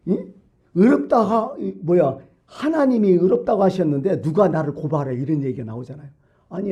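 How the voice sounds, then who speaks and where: A male pastor preaching a sermon, asking rhetorical questions and swinging between loud emphasis and hushed, near-whispered lines. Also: high voice. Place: church.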